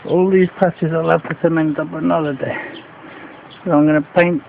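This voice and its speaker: A man's voice: on the high side, level tone, normal speed, gravelly. A man talks through his work in a plain, rambling way, a little out of breath. He is outdoors, recorded on a handheld camcorder that sounds thin and tinny, with faint hiss behind him. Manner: plain, rambling, matter-of-fact explaining. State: a bit out of breath. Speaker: home video maker. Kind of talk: casual walkaround commentary. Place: outdoors by a house wall. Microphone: handheld camcorder mic.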